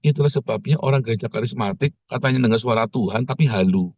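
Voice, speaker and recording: A pastor preaching a sermon, telling humorous stories and jumping high in pitch when he quotes others. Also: fast talker, darkish tone, no echo, highs cut off.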